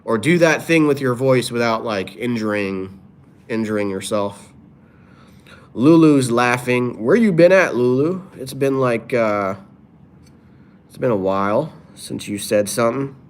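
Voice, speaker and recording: Guy on a live stream reading chat, joking around, tosses out little rhymes, mid-pitched voice. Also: lively intonation, measured pace. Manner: playful, drops off-the-cuff rhymes.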